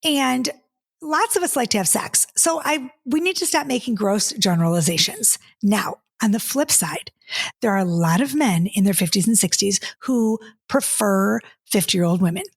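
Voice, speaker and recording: Hosting her casual podcast alone, a dating coach in her 50s reads listener comments out loud before tackling them, sounding exasperated and chatty and stumbling over restarts. Her medium-pitched voice is slightly rough, with lively intonation at normal speed. The studio-quality recording is dry.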